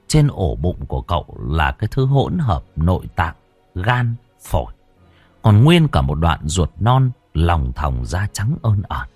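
Brief: deep-voiced man reading a horror tale with lively, swinging delivery. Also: no room sound. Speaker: storyteller. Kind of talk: scripted horror story narration.

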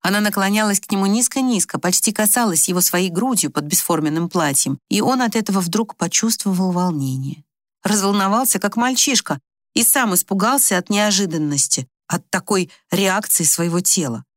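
A woman narrating an audiobook in calm, even storytelling. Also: mid-range voice, normal speed, no echo, studio quality.

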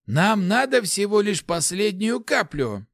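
Man doing a male mage, shrill, hissing, scheming, high and loud, dry storybook voice. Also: expressive, slow pace, dry recording, exaggerated voice.

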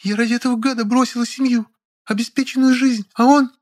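Male reader as a shrill, self-pitying drama queen in an audiobook, very high and whiny. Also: steady tone, quick pace, darkish tone. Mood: indignant. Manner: shrill, melodramatic, whiny pleading. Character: theatrical manipulative woman, self-pitying and demanding. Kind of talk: audiobook character voice.

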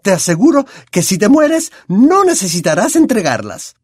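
A man's voice: high voice, wildly swooping pitch, darkish tone, no echo, studio quality, voice pushed up, full character voice. McGonagall, a man doing a stern woman professor. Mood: stern, dry. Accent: Latin American Spanish. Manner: crisp, measured and dryly sarcastic. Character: stern middle-aged woman professor, dry and strict.

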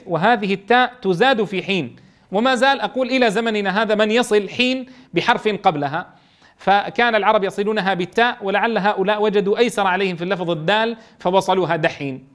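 High-voiced man teaching a Quran lesson. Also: a bit bright. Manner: reads quoted text slowly, then explains quickly, often checking with listeners. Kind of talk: explaining a classical text in a lesson.

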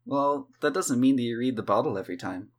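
A man narrating as game master in a relaxed, filler-heavy way. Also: mid-range voice, quick pace.

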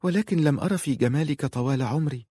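A man voicing a shy, lovesick eighteen-year-old girl who speaks softly and pleads. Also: mid-range voice, fairly quick, breathy edge, no room sound, clean studio sound, close to an everyday voice. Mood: tender, pleading. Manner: soft, pleading, tender.

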